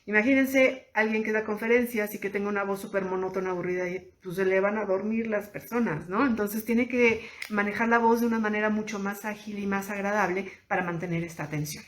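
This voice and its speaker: A woman's voice: mid-range voice, steady tone, a little fast, hardly any pauses. A woman, a therapist giving a conversational teaching talk and asking her listeners questions directly. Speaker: thanatologist and therapist. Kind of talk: informal teaching talk to camera.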